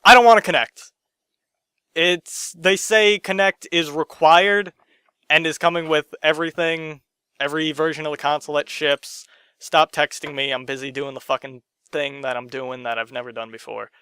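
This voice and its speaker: Young man, gaming rant, bright forceful voice, smooth and crisp, dry close sound, loud bursts then mumbled asides. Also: a little high, steady tone, moderate pace, no room sound. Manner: swings between loud outbursts and muttered asides, sarcastic, swears often. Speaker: gaming vlogger. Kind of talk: ranting to camera. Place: his own room.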